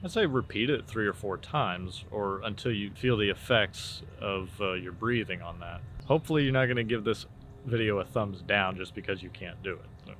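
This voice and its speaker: A man talking as a casual drama teacher, informally explaining and demonstrating theater warm-up exercises. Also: on the low side, normal speed. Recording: clear steady background noise.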